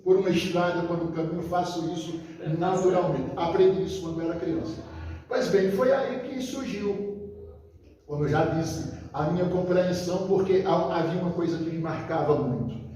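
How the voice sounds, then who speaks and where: Older man, from northeast brazil, mellow voice, rambling reminiscence, recorded from a distance. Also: high-pitched, normal speed. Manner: rambling, many restarts, reminiscing. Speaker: interviewee, retired teacher and writer. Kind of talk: relaxed storytelling interview. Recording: echoey, distant, long reverb.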